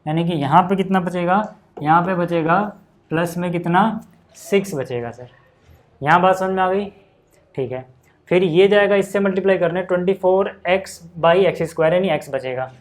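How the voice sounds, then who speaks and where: A man's voice: high-pitched, normal speed. A man teaching maths at a board, chatty and explaining step by step, often asking if the class follows. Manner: chatty, asks check-in questions.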